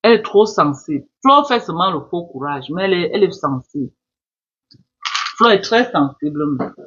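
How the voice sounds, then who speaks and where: A woman's voice: fairly low pitch, animated, moderate pace, background noise. A woman hosting a Facebook live, taunting and scolding in a repetitive, mocking commentary. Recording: muffled lo-fi live stream.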